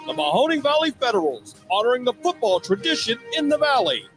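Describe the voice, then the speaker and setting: High, lively-voiced male promo announcer over music. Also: brisk. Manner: emphatic announcer delivery. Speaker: radio ad announcer. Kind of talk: scripted promo read. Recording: music bed under voice.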